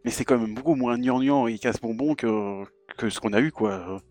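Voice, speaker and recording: A man's voice: medium pitch, moderate pace, darkish tone, dry recording. A man from Belgium, a podcast guest who gives blunt, slangy opinions. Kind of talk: casual podcast chat.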